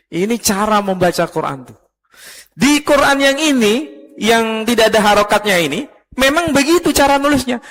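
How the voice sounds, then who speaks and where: A fairly high-pitched man gives a religious lecture to a live audience. He teaches in a lively way and throws questions at his listeners. His voice rings out with a long hall reverb. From Surabaya, East Java, Indonesia. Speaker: professor giving a religious talk.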